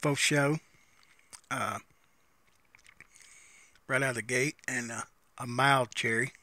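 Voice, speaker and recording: A man with a bright, forward voice and a very dry, close sound talks casually through a review. He is folksy and unhurried in his musing, repeating phrases and smoking a pipe as he goes. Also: medium pitch, fairly even intonation, no echo. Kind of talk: casual unscripted review chat.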